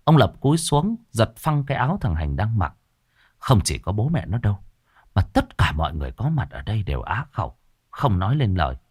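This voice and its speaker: Male horror narrator, dramatic, low and dry. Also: brisk, breathy edge, no room sound. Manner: expressive, dramatic. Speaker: storyteller.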